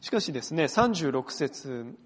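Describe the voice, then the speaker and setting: Husky-voiced male pastor preaching earnestly. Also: on the high side, sing-song, a little slow. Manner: earnest, swings between loud emphasis and hushed phrases; addresses the congregation directly, invites reading along. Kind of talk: sermon.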